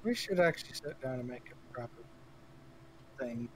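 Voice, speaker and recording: A man's voice: mid-range voice, expressive, normal speed. A man with a mid-range voice chats offhand during a shared game, restarting and trailing off as he talks. He sounds a little distant, with a faint hiss behind him. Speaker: co-player. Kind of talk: casual gameplay chat.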